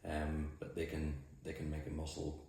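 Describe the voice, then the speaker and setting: A Shetland-accented mussel farmer and boat skipper gives understated answers in an interview, speaking at a moderate pace. His very deep voice is dark in tone and completely flat. He's recorded in an office with strong echo and faint noise.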